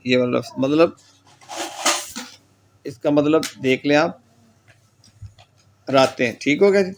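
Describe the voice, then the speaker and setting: A man with a fairly high voice speaks slowly against a noisy background as he teaches German pronunciation. In a patient lecture style, he reads out example words with their meanings and frequently repeats the tag "theek ho gaya ji."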